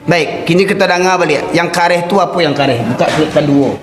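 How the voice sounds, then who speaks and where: Heated Minangkabau-accented preacher in echoey hall. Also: male voice, a little high, brisk, crowd noise. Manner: heated, raises his voice while preaching. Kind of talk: sermon. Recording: echoey hall with background noise.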